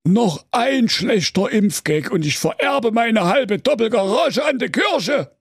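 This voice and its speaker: A man plays a weary old father who has had enough of his sons. The voice is husky and slow, dry in the room. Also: extremely high pitch, lively intonation, no room sound, full character voice. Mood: exasperated. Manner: weary, gruff, sarcastic. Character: grumpy old father, exasperated and sarcastic.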